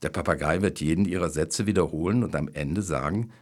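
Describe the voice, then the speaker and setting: A man voicing a knowing, smooth-talking male pet shop clerk in a read-aloud story. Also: low-pitched, fairly quick.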